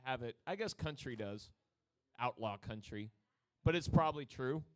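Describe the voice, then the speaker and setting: Speaking at a moderate pace, a man with a New Jersey accent and a lively, mid-range voice co-hosts a casual metal-album podcast. He rambles, cracks jokes, goes off on side stories, and mimics people with exaggerated voices.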